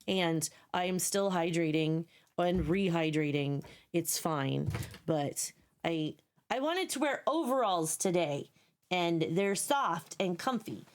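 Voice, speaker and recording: Talking casually to her live-stream viewers, this young woman has a fairly low, expressive voice and takes things slowly. Her tone is scratchy and sleepy, and her manner blunt and sarcastic, full of free swearing and repetition.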